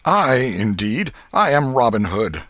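A man reading aloud and voicing a bossy, excitable boy who plays at being an outlaw, with loud boyish calls. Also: medium pitch, a little slow, dry recording, voice pushed up.

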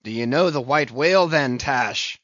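A man's voice: mid-range voice, moderate pace, fairly bright tone, no echo, dull audio, close to an everyday voice. A man voicing a fierce, obsessed old whaling captain in an audiobook, bellowing in declamatory, archaic seafaring speech. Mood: rousing, commanding.

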